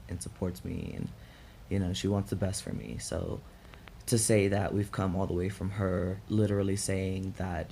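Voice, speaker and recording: A young man talking casually and candidly on a personal vlog, in a reflective, halting way with some gravel in his voice, recorded outdoors. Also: low-pitched, warm tone, slight background noise. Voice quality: gravelly, throat-clearing. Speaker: vlog host. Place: outdoors in chilly morning air.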